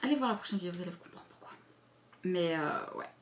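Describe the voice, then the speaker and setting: A woman chatting candidly to camera in a casual vlog, crude and playful, jumping between loud remarks and mumbled asides. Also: fairly low pitch, expressive, quick pace, slight background noise. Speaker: YouTuber.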